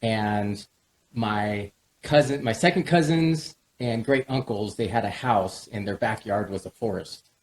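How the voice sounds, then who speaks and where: A man's voice: lowish voice, a little slow. A man from Southern California hosting a podcast, asking questions and giving frequent short encouraging replies. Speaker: podcast host. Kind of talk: casual interview chat.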